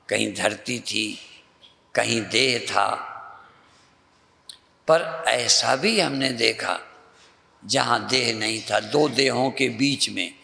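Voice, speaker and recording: Slow gravelly Indian spiritual teacher. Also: male voice, mid-range voice, bright, forceful tone, long reverb tail. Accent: Hindi, North Indian. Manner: slow, repetitive, guiding the listener's mind. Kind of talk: slow meditative discourse.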